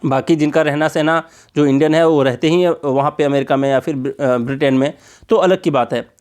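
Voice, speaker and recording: A young man with an Indian accent teaching English grammar in a casual Hindi-medium lesson, chatting directly with learners and reading English example sentences slowly and deliberately. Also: fairly high pitch, fairly even intonation, darkish tone, smooth.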